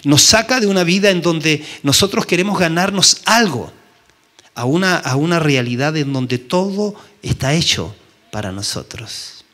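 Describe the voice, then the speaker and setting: A man's voice: fairly high pitch, animated, moderate pace, pushed and bright. A middle-aged man with a Chilean accent, preaching a sermon as pastor and telling a personal story with many halts and restarts. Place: church.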